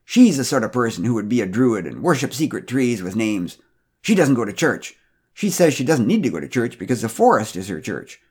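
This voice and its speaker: A man's voice: very animated, a little fast, husky. A man voicing a bossy, condescending older woman neighbor in a storybook podcast. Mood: haughty. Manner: high-pitched, loud, haughty and insistent.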